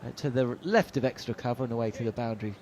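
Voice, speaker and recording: A man's voice: mid-range voice, fast talker, a little mellow. Guy doing cricket commentary, middle-aged, chatty and storytelling, loads of uh's, bit of outdoor noise behind. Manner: chatty, anecdotal, frequent uh fillers. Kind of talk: ball-by-ball radio commentary. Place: commentary box at a cricket ground.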